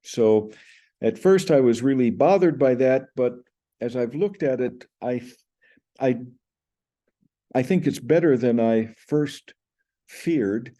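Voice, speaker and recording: An older man with a mellow, mid-range voice teaches Greek pronunciation in an explanatory lecture, speaking to a webcam indoors. He talks slowly and expressively, pausing often, gesturing with his hands as he recites Greek sounds.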